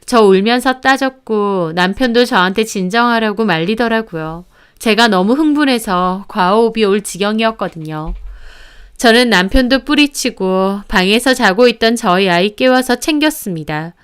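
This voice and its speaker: A woman's voice: medium pitch, moderate pace, clear, resonant tone. A woman narrating a first-person story in an aggrieved, emotional way.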